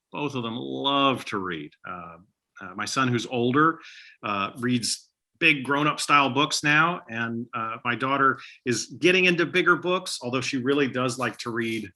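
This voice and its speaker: A man's voice: medium pitch, sharp tone. A middle-aged man speaking as an interview guest, thoughtful and earnest in a casual chat about books. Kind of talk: casual reflective book chat.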